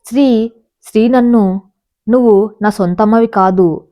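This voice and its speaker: A woman's voice: on the high side, unhurried, dark tone, natural voice. A woman voicing a remorseful teenage girl who speaks with a trembling, hesitant voice, in a storybook reading. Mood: tearful.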